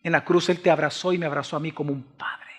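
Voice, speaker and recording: A Salvadoran man preaching a passionate sermon as pastor, swinging between loud exclaims and hushed pleas. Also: fairly high pitch, steady tone, fast talker, breathy edge. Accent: Salvadoran Spanish. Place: church sanctuary. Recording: long church reverb.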